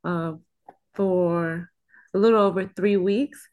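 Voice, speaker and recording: A woman's voice: lowish voice, steady tone, slow, a little mellow. Woman giving a hesitant church testimony. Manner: hesitant, many fillers, heartfelt.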